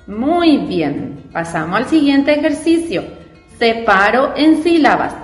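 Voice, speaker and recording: A woman teacher walks young children through a spelling lesson, slowly and patiently, her voice rising and falling with lively, sing-song pitch. She sounds fairly high, and the recording sits in a roomy space with a long reverb and faint music underneath. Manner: patient, spells out syllables and asks the class questions.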